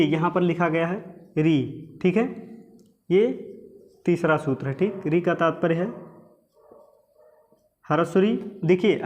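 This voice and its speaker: A man with a slightly high voice teaches an exam-prep lesson. He repeats each point, asks questions and answers them himself, and keeps checking in with his listeners. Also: darkish tone.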